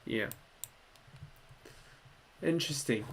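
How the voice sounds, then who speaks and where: A young man from Malaysia, hosting a casual livestream Q&A at his desk, relaxed and chatty, often laughing and thinking aloud. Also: takes it slowly, slight background noise. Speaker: livestream host answering viewer questions. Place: small room indoors.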